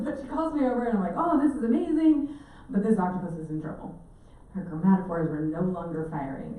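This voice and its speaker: Woman telling a story to a crowd, acts out quotes, kinda far from the mic, faint room hum. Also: mid-range voice. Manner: animated, acts out quotes with laughter. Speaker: presenter giving an octopus talk. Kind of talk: storytelling talk to a live audience. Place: indoor event space with audience. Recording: echoey room, mic from a distance, faint ambience.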